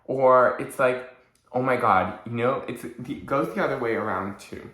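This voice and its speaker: A man's voice: medium pitch, normal speed, fairly bright tone. A young man talking casually in a vlog, rambling and saying "like" constantly while acting out friends' mocking voices. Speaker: vlogger. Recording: echoey room.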